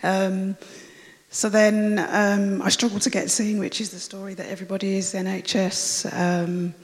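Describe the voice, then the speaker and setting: A woman with a raspy, croaky voice that always sounds like she has a cold, chattily telling her testimony to a church congregation, rambling with fillers and restarts. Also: medium pitch, completely flat delivery, moderate pace. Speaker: church member giving a testimony. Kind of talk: personal testimony told to a congregation. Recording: long reverb of a large hall.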